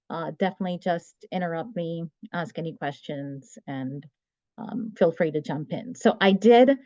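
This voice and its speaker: A woman in her forties from Trinidad and Tobago presents over a video call in a steady, explanatory way. Her voice sits low and mellow. The call audio sounds dull, dry and lo-fi. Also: dry recording. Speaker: guest speaker, medical writer. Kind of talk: webinar presentation.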